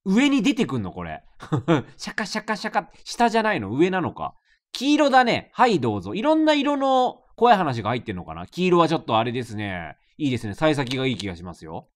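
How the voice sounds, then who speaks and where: A man streaming a horror novel game, reacting with quick joking asides between reading. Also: mid-range voice, huge pitch swings. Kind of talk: let's play commentary.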